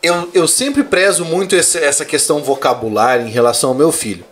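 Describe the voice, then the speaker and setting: Measured Brazilian-Portuguese man hosting. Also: fairly high pitch, lively intonation, a bit bright. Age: adult, father of a young child. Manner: measured, explanatory, reads viewer comments. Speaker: Portuguese teacher, live show host. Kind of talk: casual live chat.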